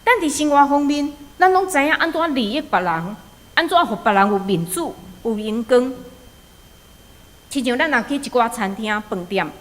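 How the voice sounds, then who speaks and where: The speaker is a woman preaching a sermon, her fairly high voice carrying a Taiwanese accent. She switches between recounting stories and exhorting her audience, regularly asking rhetorical questions, and her words resonate with the extended reverberation of a hall.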